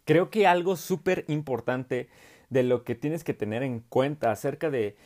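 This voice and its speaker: A young man with a Mexican Spanish accent giving a casual, slangy youth sermon, animated and quick to laugh. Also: mid-range voice. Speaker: youth preacher.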